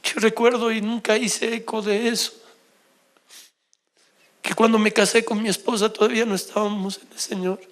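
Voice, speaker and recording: A middle-aged man preaching an emotional sermon as pastor, swinging between loud exclamations and soft confessional tones. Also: sits high, little pitch movement, moderate pace, long pauses.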